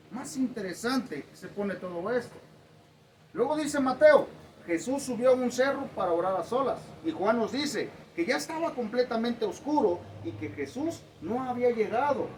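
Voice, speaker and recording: Church pastor, high voice, reading the bible then explaining it, mic a bit far off. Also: male voice. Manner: reads scripture aloud, then explains it plainly. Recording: distant mic with faint noise.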